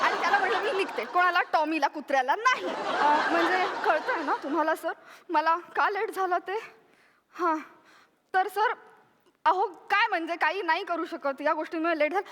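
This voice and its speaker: A woman's voice: very high voice, moderate pace, sharp tone, some chatter behind. A woman playing a rambling, late-running secretary. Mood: pleading. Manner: rambling, pleading, giggly excuses. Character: chatty young female secretary, always late, scatterbrained. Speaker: talent show contestant. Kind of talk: stage comedy monologue. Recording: echoey hall with audible noise.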